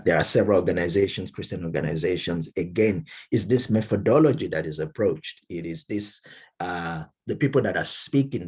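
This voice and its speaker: A middle-aged man with a Nigerian accent, giving a measured academic lecture with frequent fillers and restarts. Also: low voice, a little mellow, breathy edge. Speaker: Baptist minister and speaker.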